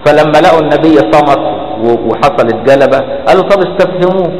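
A man's voice: fairly high pitch, quick pace, a little mellow. A man with an Egyptian Arabic accent teaching a classical religious text in a colloquial lecture, often asking his listeners rhetorical questions to check they follow. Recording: echoey hall reverb, faint background noise.

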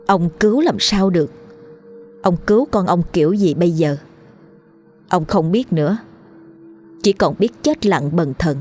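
A woman narrating a horror story in a tense, measured storytelling manner. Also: lowish voice, darkish tone. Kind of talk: dramatic audiobook narration. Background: faint music.

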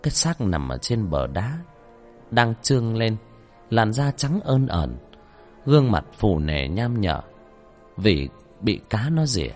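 A man narrating a horror story as host, calling out loudly in the tense scenes. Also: fairly low pitch, sing-song, slow pace, pauses often. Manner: shouts out names during tense scenes. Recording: soft music behind the voice.

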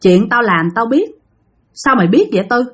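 A woman voicing a middle-aged village man who is possessed by a spirit and mutters the same line over and over. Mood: eerie, possessed. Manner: low, slow, flat repeated muttering.

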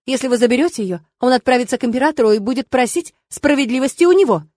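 A woman's voice: sits high, animated, very fast, a little mellow, no room sound, voice pushed up. A woman reading an audiobook, voicing a brave young woman mentalist who speaks with indignant, protective pride.

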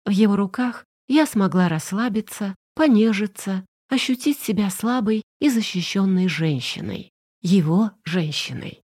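A woman narrating a romance novel audiobook in an even, storytelling manner. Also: mid-range voice, unhurried, breathy edge. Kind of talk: scripted narration.

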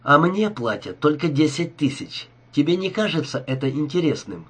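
A man's voice: on the high side, very animated, moderate pace, slightly rough. A man voicing a cold, scheming male crook who talks with sneering irony, in an audiobook reading. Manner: sneering, ironic.

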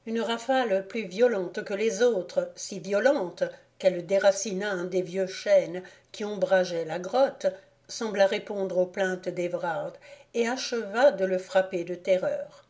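A woman reading a classic novel aloud as a volunteer audiobook narrator, in a measured, unhurried manner. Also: mid-range voice, a little mellow.

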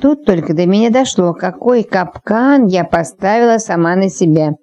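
A woman narrating an audiobook, reading lively and shifting her pitch to voice each character. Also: moderate pace, dull audio.

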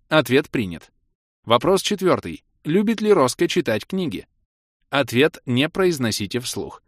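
A man's voice: mid-range voice, no room sound, studio quality, pitched above the performer's own voice, natural voice. A man voicing a formal magical system that announces questions in an official tone.

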